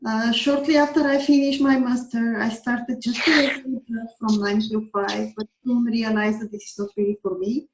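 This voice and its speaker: A woman's voice: on the high side, steady tone, moderate pace, few pauses, echoey room, noisy background. A woman from Bulgaria, a researcher talking as a guest on a video call and explaining things step by step with many fillers. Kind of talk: explanatory interview talk.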